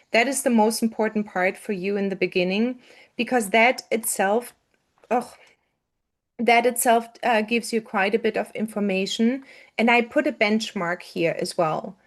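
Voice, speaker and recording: Chatty woman teaching a casual lesson. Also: mid-range voice. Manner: chatty, with frequent fillers and restarts. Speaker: marketing coach. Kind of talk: casual step-by-step online lesson.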